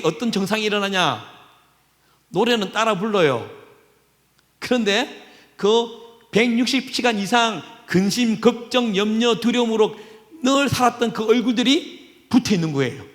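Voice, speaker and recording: A man preaching a sermon to his congregation in a church, with a conversational manner and frequent tag questions to the listeners. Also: big-room sound. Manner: drops to a hushed, low voice when quoting scripture. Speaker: pastor. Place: church sanctuary.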